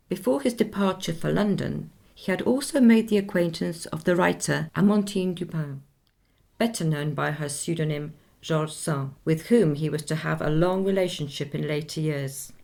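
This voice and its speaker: An actress playing a dignified nineteenth-century Swedish opera singer in a radio play, speaking in a measured, formal, reflective way. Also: female voice, low voice, gravelly, darkish tone. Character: Jenny Lind, composed, dignified Swedish opera singer of the 1840s.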